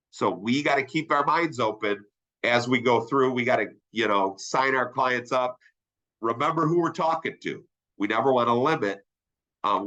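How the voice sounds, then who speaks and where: A middle-aged man with a congested, nasal voice from a sinus infection presents a sales training webinar. His mid-range voice has a sharp tone on a low-quality recording, and he keeps things upbeat and conversational, often checking in with listeners by asking "right?"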